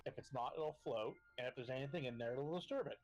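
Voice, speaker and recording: A man with a medium-pitched voice talks quickly during a tabletop game. He lays out his plans casually and delivers blunt, cocky in-character retorts. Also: slight background noise, low-quality recording. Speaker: player in a tabletop role-playing game.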